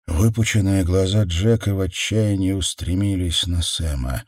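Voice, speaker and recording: Deep-voiced man narrating an audiobook. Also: darkish tone, slightly rough, dry recording. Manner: measured, intense, with slowed stresses. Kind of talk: dramatic horror audiobook narration. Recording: dry close studio sound.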